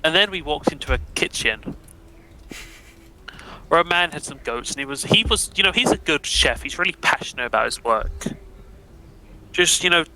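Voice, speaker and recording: A man recapping a tabletop game session as a player, with deadpan, profane jokes. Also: fairly high pitch, normal speed, pauses often, a little hiss or hum, rough recording.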